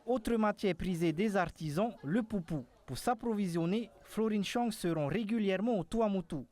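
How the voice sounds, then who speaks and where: A man narrates a scripted TV news report in a notably high voice. His delivery is even and read out from a script. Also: normal speed.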